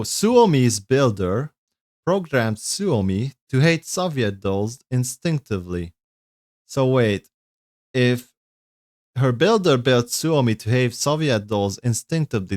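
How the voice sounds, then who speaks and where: A man's voice: mid-range voice, a little mellow, dry recording, studio quality. A man chatting casually on a livestream, reacting to game lore, rambling and correcting himself, and swearing now and then.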